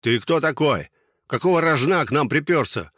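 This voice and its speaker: Brief: a man voicing a short-fused guard barking orders in a raised, loud voice. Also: on the high side, animated, moderate pace, no echo, clean studio sound, pitched above the performer's own voice. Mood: angry. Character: hot-tempered male gang guard.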